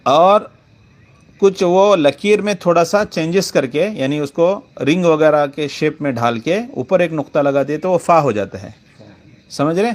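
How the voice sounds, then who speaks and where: A man teaching the sounds of letters in a reading lesson, saying each one slowly and contrasting thin and heavy sounds. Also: on the high side.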